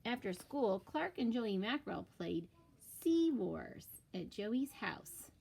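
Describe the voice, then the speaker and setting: A woman teacher reading a children's storybook aloud in an expressive way, with deliberate emphasis. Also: medium pitch, creaky, slightly rough.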